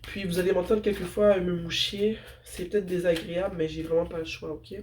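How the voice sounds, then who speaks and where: A woman's voice: lowish voice, flat delivery, fairly quick, darkish tone, a little hiss or hum. A woman with a blocked, sniffly nose and a nasal voice chats casually and affectionately to viewers as a tarot reader giving spiritual guidance. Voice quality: congested, nasal. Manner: informal, affectionate address to viewers.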